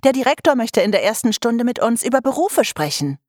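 A woman's voice: a little high, sing-song, fairly quick, a little mellow, dry recording, clean studio sound, pitched above the performer's own voice. A woman voicing a chatty, cheerful schoolgirl friend in an audiobook. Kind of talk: audiobook character voice.

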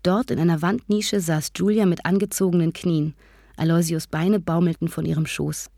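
A woman narrating a first-person story in a calm, measured storytelling manner. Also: on the low side, dry recording, clean studio sound. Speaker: audiobook narrator.

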